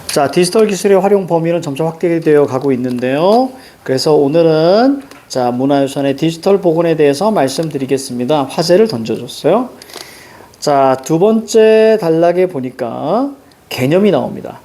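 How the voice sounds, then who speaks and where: A man's voice: a little high, animated, moderate pace, warm tone. A middle-aged male teacher lecturing in a classroom, walking students through exam questions and prompting them with tag questions. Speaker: Korean language teacher. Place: classroom with a blackboard.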